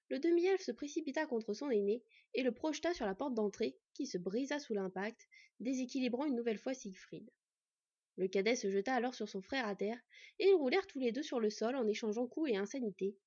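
A woman reading a fantasy story aloud in a steady storytelling manner. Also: fairly high pitch, slightly rough, no room sound. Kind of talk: scripted fantasy narration. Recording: dull lo-fi, dry.

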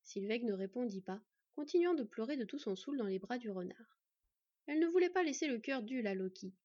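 A woman calmly narrating a storybook in a measured reading voice. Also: on the high side, dry recording. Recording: dull lo-fi dry recording.

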